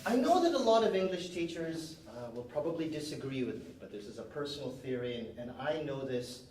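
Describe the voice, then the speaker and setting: Pitch swinging widely from a fairly high base, the teacher talks a little fast in a darkish tone. He barks brief commands and emphatic directions through English drills; having come to Canada at nine, he's recorded indoors on a distant mic amid faint classroom noise.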